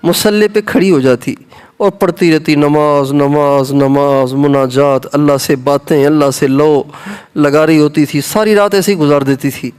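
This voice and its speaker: A man with a Pakistani Urdu accent preaches, raising his voice to stress each point and repeating phrases over and over. His voice sits a little higher than most men's. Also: darkish tone, clean tone. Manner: repetitive, emphatic, rising for stress. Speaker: Islamic preacher. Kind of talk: sermon to women.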